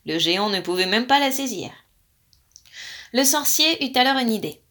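A woman reading a storybook tale aloud in a lively, playful manner. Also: a little high, moderate pace.

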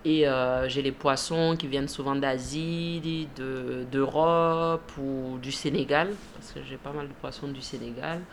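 A woman's voice: a bass voice, steady tone, a little slow, hardly any pauses, a little hiss or hum. Hesitant woman in her thirties. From Ivory Coast. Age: 30s. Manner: hesitant, laughs often, many fillers. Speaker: grocery shop manager. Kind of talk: radio interview.

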